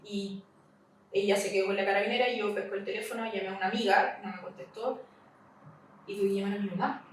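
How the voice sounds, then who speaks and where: A woman with a Chilean accent, a podcast guest recounting a personal loss, halting and repeating herself. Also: mid-range voice, steady tone. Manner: halting, repeats herself, voice rises in retold questions. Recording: echoey room, mic at a distance, faint hiss.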